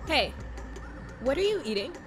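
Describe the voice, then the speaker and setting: A woman's voice: high-pitched, very animated, moderate pace, music in the background. A woman playing a preachy, smug young vegan activist in a comedic short film. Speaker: vegan protester. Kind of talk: comedic student film acting.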